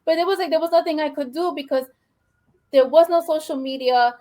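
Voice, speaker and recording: Talking fairly quickly in a high, dark-toned voice, a Bronx woman with a New York Puerto Rican accent appears as a guest educator in a conversational interview. She's earnest and reflective, often saying "you know" and "like."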